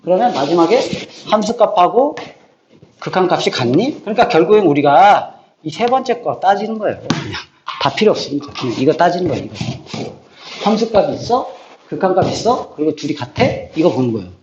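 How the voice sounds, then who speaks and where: A man teaching high school math in a classroom, bluntly ranting and quizzing students with repeated prompts. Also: sing-song, a little fast, background noise. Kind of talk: classroom lecture. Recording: echoey classroom, dull lo-fi sound.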